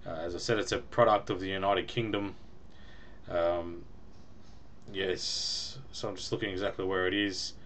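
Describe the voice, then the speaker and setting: A man's voice: deep voice, little pitch movement, normal speed, fairly bright tone, slight background noise. A young man casually reviewing a beer at home on a webcam, chatty and rambling with ums and small laughs. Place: small room at home, indoors.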